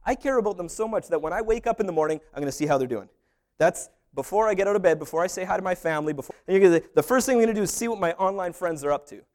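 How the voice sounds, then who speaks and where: A pastor preaches an animated sermon full of humorous asides and little acted-out dialogues. His voice is high-pitched and he races along.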